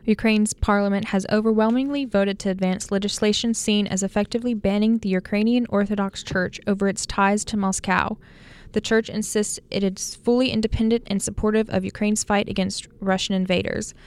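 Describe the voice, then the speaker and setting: Woman reading the news in a flat, steady voice. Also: medium pitch, fairly quick, smooth. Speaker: news anchor. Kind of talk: student radio newscast.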